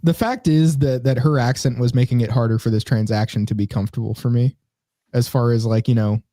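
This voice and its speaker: A man's voice: mid-range voice, steady tone, fairly quick, mellow, dry recording, studio quality. Rambling man telling a comic story. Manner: rambling, restarts, laughs at himself. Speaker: podcast host. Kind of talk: casual comedic storytelling.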